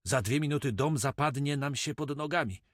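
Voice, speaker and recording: A man doing an eager, rough pirate sailor. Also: medium pitch, moderate pace, no echo, clean studio sound, pitched above the performer's own voice, lightly acted. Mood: urgent.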